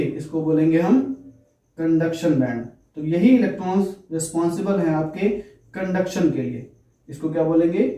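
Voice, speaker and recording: A man's voice: a little high, dark tone. A man teaching physics, asking questions and answering them himself. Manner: asks questions and answers them himself, repeats key terms; mixes Hindi with English phrases. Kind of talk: classroom lecture. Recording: echoey room, far from the mic.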